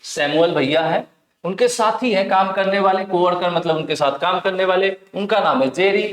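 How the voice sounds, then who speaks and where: A man's voice: high-pitched, normal speed. A man teaching an exam question-bank lesson, asking questions and answering them himself, repeating points and reading English questions aloud. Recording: echoey room.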